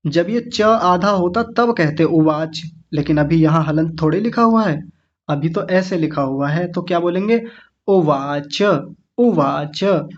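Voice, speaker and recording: A man's voice: fairly high pitch, highs cut off. A man teaching an online class, patiently sounding out words syllable by syllable for his students. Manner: patient, slow syllable-by-syllable demonstration. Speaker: Sanskrit recitation teacher.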